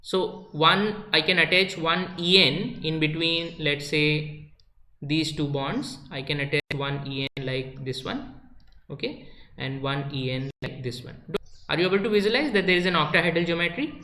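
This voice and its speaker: This female chemistry teacher has a deep, sharp-toned, expressive voice and speaks at a moderate pace. Her classroom lecture moves step by step, repeats the main points, and occasionally drifts into Hindi, all in an echoey room.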